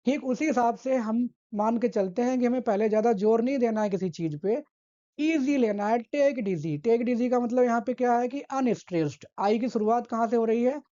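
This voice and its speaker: A woman's voice: on the high side, a little fast, dark tone, highs cut off. A woman giving an exam-prep literature lesson, patiently repeating key terms and asking questions as she explains. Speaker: English literature teacher.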